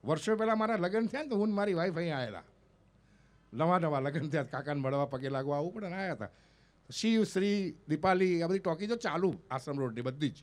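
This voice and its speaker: A man's voice: a little high, fast. A man in his fifties from North Gujarat, with a North Gujarati accent, telling comic stories on stage and acting out the people in them. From North Gujarat, India. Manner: animated, acts out the dialogue of people in his stories. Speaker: stand-up comedian and mimicry artist. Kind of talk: live comic storytelling on stage. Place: event stage before an audience.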